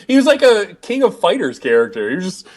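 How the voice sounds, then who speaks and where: A man's voice: sits high, wildly swooping pitch, quick pace. A man as a guest on a casual podcast chat, sardonic and profane, laughing through his stories.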